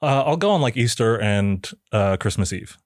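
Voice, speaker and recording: A man's voice: lowish voice, animated, no echo, clean studio sound. A man speaking as a podcast guest in casual chat, loose and full of fillers. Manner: quick, loose talker with many fillers.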